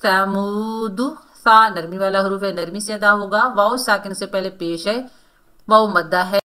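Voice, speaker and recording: Woman tajweed teacher, bright clear tone, patient step-by-step explaining. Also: mid-range voice, fairly even intonation. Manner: explains rules step by step, then recites words slowly and drawn out. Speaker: Quran recitation teacher. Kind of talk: tajweed lesson, explaining and reciting.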